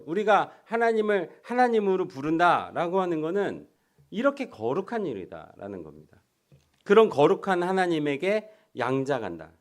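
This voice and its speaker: A middle-aged man preaching a sermon as pastor, asking rhetorical questions and answering them himself, swinging between loud emphasis and quiet asides. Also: a little high.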